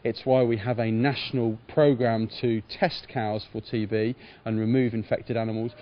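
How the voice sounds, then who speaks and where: A male vet answers interview questions in a measured, professional way. His explanations are careful and plainly put. The recording is a little dull and lo-fi. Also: medium pitch, flat delivery. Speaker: farm veterinarian.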